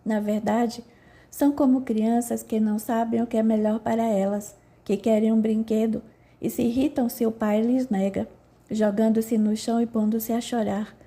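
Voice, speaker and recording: Woman voicing composed male spirit helper, earnest, reassuring, audiobook, mellow dark timbre, raised pitch. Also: level tone, normal speed, natural voice. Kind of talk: audiobook narration.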